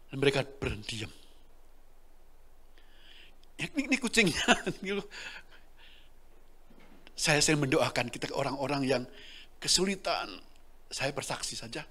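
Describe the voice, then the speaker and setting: A man's voice: on the high side, a bit bright. A middle-aged man preaching a sermon, talking directly to the congregation and laughing between lines.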